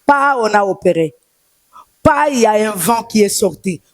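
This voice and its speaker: A woman's voice: mid-range voice, expressive, moderate pace, no room sound, faint music behind. A woman prophetess with a Congolese French accent, giving a fervent testimony in a repetitive, sing-song preaching cadence.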